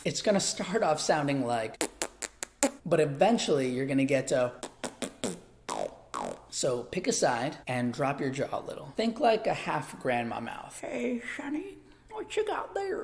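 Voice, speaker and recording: Man, beatbox tutor, upbeat online lesson, hyped and chatty, bouncy pitch, gravelly edge. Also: darkish tone.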